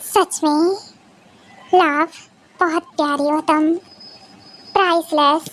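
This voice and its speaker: A woman voicing a tearful, tender young husband in a fan audio drama, soft and affectionate. The voice sits very high, almost childlike, with no attempt to deepen it. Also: unhurried.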